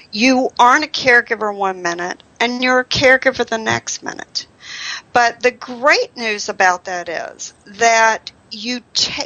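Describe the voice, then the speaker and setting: A woman's voice: fairly high pitch, sharp tone, no room sound, low-quality recording. A middle-aged woman hosting a radio show, talking conversationally in an earnest, explanatory way. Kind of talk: conversational monologue introducing a show.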